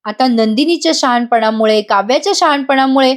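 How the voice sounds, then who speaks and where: A woman's voice: high-pitched, a little fast, lightly acted. A woman voicing a firm, outspoken middle-aged mother from a TV serial. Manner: firm, blunt.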